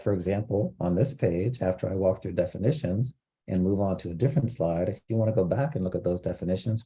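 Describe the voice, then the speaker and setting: Man, from Costa Rica, training lecture, measured, explanatory, husky, dark tone. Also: fairly low pitch. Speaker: diversity trainer.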